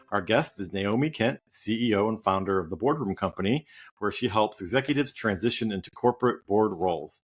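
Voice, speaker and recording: Male podcast host, deep-ish voice, upbeat interviewer who sometimes trips over his words.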